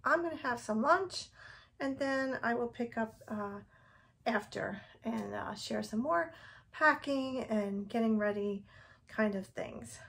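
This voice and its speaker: Chatty higher-voiced woman vlogging at home. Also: expressive, slow pace, vocal fry, fairly bright tone. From Northern New Jersey. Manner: chatty, rambling, with frequent fillers and small laughs. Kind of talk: casual home vlog chat. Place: home, indoors.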